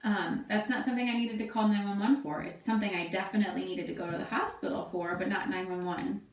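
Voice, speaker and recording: Woman teacher in her thirties, relaxed chatty delivery, distant echoey home recording. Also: medium pitch, fast, a little hiss or hum. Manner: casual, chatty, thinks aloud with fillers. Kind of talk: remote class lesson. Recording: echoey room, voice away from mic.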